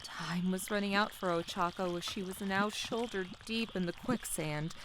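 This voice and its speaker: Over faint bubbling mud ambience and gooey quicksand sound effects, a mid-range female voice delivers a dramatic, scripted story narration for a comic dub. The recording is very noisy.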